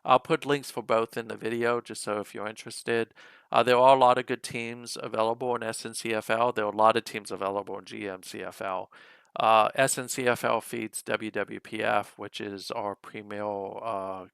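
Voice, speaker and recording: A man with a hoarse, gravelly voice from being ill, hosting a casual recap of a simulated football league and talking loosely with frequent hesitations. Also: on the low side, flat delivery, moderate pace, a bit bright, no echo.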